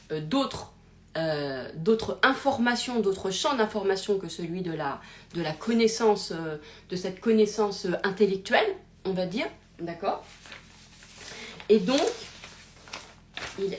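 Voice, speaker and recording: A woman hosting a live talk, theatrical and animated, swinging from loud exclamations to low mutters, laughing often and interrupting herself. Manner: laughs often, many fillers and self-interruptions. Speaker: host of a live self-help talk. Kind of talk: casual live-stream monologue.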